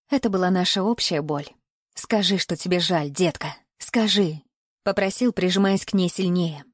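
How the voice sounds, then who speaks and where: A woman narrating a dark thriller audiobook in a measured way, slowing down at times. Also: lowish voice, no room sound, studio quality.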